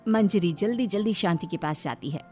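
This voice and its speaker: A woman narrating a family cartoon story in a steady, expressive storybook style. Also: lowish voice, brisk, faint music behind.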